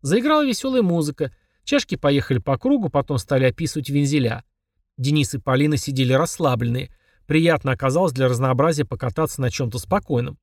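A man reading a fantasy story aloud, lively, raising his pitch for the girl's lines. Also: fast talker, dry recording, studio quality, recorded from a distance. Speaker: audiobook reader. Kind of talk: scripted narration.

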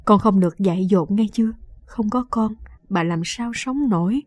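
A woman's voice: mid-range voice, moderate pace, darkish tone, no echo, close to an everyday voice. A woman voicing a doting, anxious elderly grandmother who cries out and pleads for her granddaughter. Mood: tearful.

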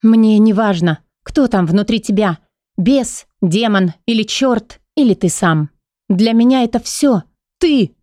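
A woman's voice: fairly high pitch, moderate pace, mellow, no echo, studio quality, voice pushed up, natural voice. A woman voicing a young heroine desperately in love, pleading in a raised, emotional voice.

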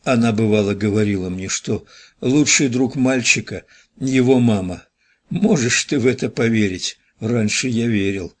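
A man voicing a dying, overweight man who wheezes and pleads in a hoarse, husky voice while coughing up blood. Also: medium pitch, normal speed, natural voice. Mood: pleading.

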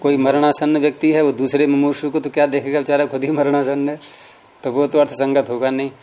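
A man teaching a grammar lesson, repeating word forms slowly and explaining rules step by step. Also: mid-range voice, little pitch movement, dark tone.

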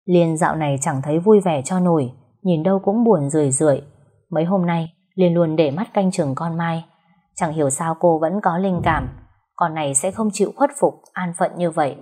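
Storyteller: woman, husky and low-pitched, steady delivery. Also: normal speed. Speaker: narrator. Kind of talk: audio story narration.

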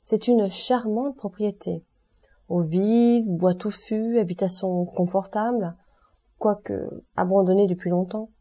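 A woman's voice: medium pitch, fairly even intonation, measured pace, dark tone, close to an everyday voice. A woman reading the part of an eager, deferential male notary who speaks hesitantly, in an audiobook. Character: eager, obsequious small-town male notary.

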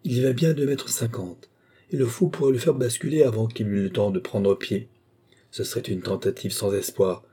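A man calmly narrating an audiobook story. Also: mid-range voice, breathy edge. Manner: calm, measured storytelling.

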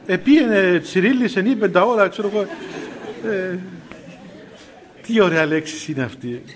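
This middle-aged man is a priest giving an informal spiritual talk, and his high voice sounds animated. His sermon is full of stories, with frequent chuckles, many fillers, and phrases he keeps restarting.

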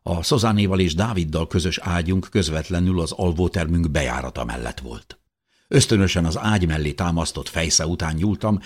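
A middle-aged man reading a first-person audiobook in a tense, expressive storytelling manner. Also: low-pitched, husky. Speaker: audiobook reader.

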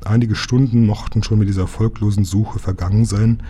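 A man reading a children's book aloud, telling it calmly and evenly. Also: fairly low pitch, brisk, slight background noise. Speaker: narrator.

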